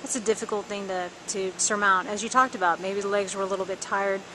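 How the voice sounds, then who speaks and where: Even-toned interviewer in noisy arena. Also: female voice, mid-range voice, fast. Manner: scripted, stat-citing, even delivery. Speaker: team media interviewer. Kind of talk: post-game interview questions.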